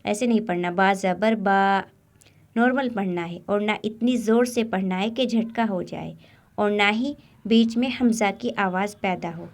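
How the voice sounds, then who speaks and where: A woman, teaching a Quran recitation lesson step by step and sounding out syllables slowly. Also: mid-range voice. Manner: slow, drawn-out demonstration of letter sounds.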